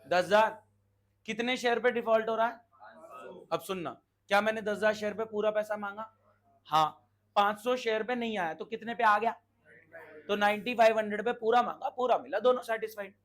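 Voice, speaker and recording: A man's voice: high voice, a bit bright. A man teaching a commerce class, quizzing and scolding his students as he explains. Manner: brisk, scolding, asks the class questions. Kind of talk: classroom lecture.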